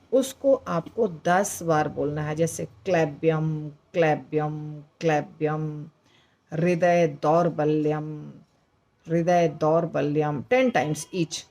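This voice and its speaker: A woman teaching a class on reciting a sacred verse, patiently breaking long words into parts and repeating them slowly, with words mixed in. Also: lowish voice, creaky, darkish tone, breathy edge. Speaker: Sanskrit pronunciation teacher.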